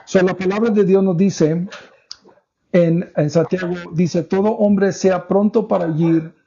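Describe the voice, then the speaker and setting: Gravelly, mellow-voiced man teaching parents. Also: high voice, steady tone, measured pace, a little hiss or hum. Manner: earnest, teaching tone, mixes in English words. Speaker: podcast co-host. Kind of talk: conversational faith-based parenting talk. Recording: dull lo-fi podcast audio.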